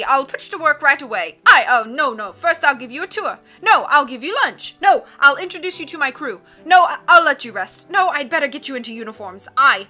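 A woman with a high voice performs a full character voice as a storybook submarine captain, a blustering and excitable man. She roars his lines, contradicting herself and switching his mind again and again at rapid speed.

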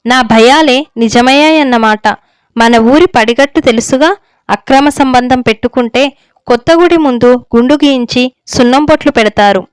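A woman's voice: high voice, normal speed, clean tone, no room sound, natural voice. A woman reading the lines of a stern older village elder husband who lectures on righteousness. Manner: stern, moralizing, unbending. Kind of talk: story reading.

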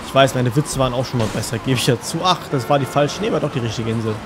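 A man's voice: mid-range voice, fast, noisy background. A young man with a German accent giving casual, crude, joking let's-play commentary to his viewers. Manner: joking, crude, talks to viewers, sings along.

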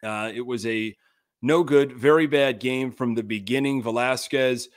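A man's voice: mid-range voice, measured pace. A man in his thirties hosting a sports podcast from a home studio, talking in a casual, frank way with lots of fillers. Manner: conversational, many fillers, frank and critical. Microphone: large desk mic on camera.

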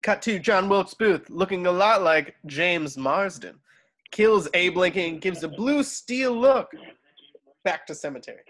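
A man with a high-sitting, slightly bright voice narrates scene directions, expressive and unhurried. It's an informal script read done on a video call, with him indoors at home.

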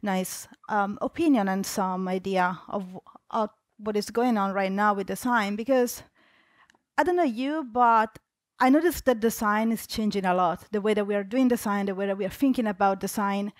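At medium pitch and normal speed, a young adult Italian woman delivers a conversational conference talk with an Italian accent, stumbling through fillers and restarts. The recording is dry and studio quality, and she stands on a large, dark auditorium stage.

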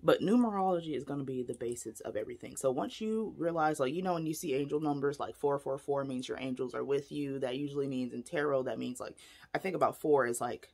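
A woman's voice: very deep voice, fast, darkish tone, slightly rough. A woman casually explaining divination tools to camera in a chatty, rambling way, showing objects as she talks. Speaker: spiritual teacher. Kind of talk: casual teaching vlog.

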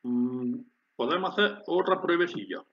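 Man narrating a screen tutorial, slightly high voice. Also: a little slow, breathy edge. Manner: explanatory, addresses viewers with frequent "¿vale?". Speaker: instructor demonstrating a factory simulation. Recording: dull lo-fi sound with faint hiss.

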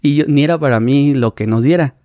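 A Mexican man in his thirties, a paparazzi guest, telling animated stories in casual interview talk, acting out the people he quotes. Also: mid-range voice, brisk, dry recording, studio quality. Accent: Mexican Spanish. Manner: animated, acts out quoted voices, laughs mid-story.

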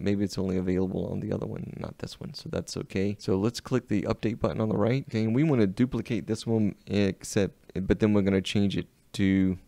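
A man with a Southern US accent giving an unhurried, step-by-step walkthrough of a web design tool in a screen-recorded tutorial. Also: fairly low pitch, gravelly, warm tone, no echo.

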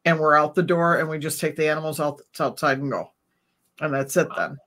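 A middle-aged woman on a video call from home, calmly explaining her routine step by step as an interview guest. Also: sits low, fairly quick. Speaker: reptile vendor guest. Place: home room. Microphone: webcam on a video call.

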